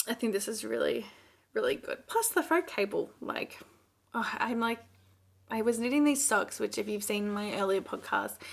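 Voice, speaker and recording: A woman's voice: mid-range voice, creaky. A woman with an Australian accent, chatting casually in a knitting vlog, rambling with lots of fillers and restarts. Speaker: knitting vlogger. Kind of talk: casual chat.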